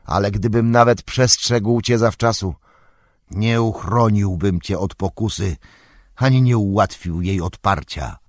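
A man voicing a wise, stern old male wizard in an audiobook, explaining at length in a measured, grave way. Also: lowish voice, no room sound, clean studio sound. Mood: admonishing. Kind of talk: audiobook character reading.

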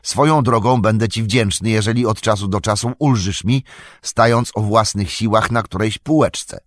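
A man voicing a steady, wry young male hobbit who speaks calmly and encouragingly. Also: fairly low pitch, normal speed, no room sound, natural voice.

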